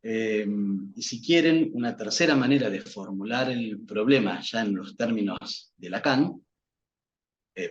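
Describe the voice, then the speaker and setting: This man speaks in a lowish register; Portuguese is his first language. His reflective academic talk as a guest psychoanalyst is halting, packed with fillers and false starts, captured in muffled lo-fi sound carrying slight noise.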